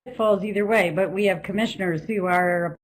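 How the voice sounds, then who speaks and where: A conference board member speaking in an online meeting over a video call, explaining points in a measured, deliberate way. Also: mid-range voice, fairly even intonation, rough recording.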